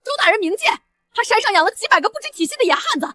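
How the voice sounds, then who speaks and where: A woman's voice: very high-pitched, sing-song, very fast, pushed and bright, full character voice. A woman voicing a spiteful, gossiping village woman who hurls slander shrilly.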